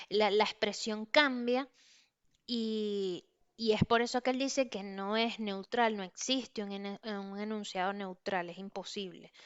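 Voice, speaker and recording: A woman's voice: medium pitch, clear, resonant tone, dull audio. A woman giving an online lecture, explaining ideas step by step with frequent fillers and checking in with her listeners. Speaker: teacher.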